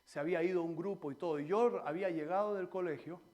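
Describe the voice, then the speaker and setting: A man preaching a sermon in church, swinging between loud exhortation and quiet personal stories. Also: sits high, quick pace, highs cut off. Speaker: pastor.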